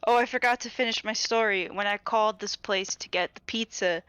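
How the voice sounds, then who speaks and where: A woman on a game stream chatting casually, telling stories and swearing freely, at a mid pitch. Her voice sounds dry and close, with no room echo. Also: fairly even intonation, a little fast, a bit bright, smooth, muffled recording. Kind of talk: casual gaming stream chat.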